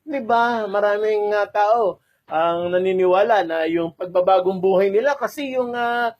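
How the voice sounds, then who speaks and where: Filipino lay preacher, lo-fi sermon. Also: male voice, high voice, a little slow, darkish tone. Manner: mixes Tagalog and English, asks listeners to agree, calls out hallelujah. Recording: dull lo-fi recording.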